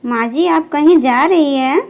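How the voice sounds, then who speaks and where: Young mother , woman's own voice: firm, chiding, caring, high-ish. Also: measured pace, a little mellow. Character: young mother, busy and mildly scolding.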